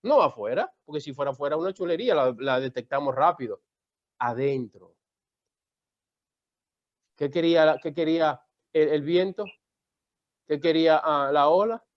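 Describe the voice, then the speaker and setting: A man's voice: fairly high pitch, normal speed, long pauses, no room sound, lo-fi sound. A man preaching a sermon as pastor, emphatic and repetitive, calling on listeners to repeat after him. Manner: emphatic preaching with repeated calls for the congregation to answer.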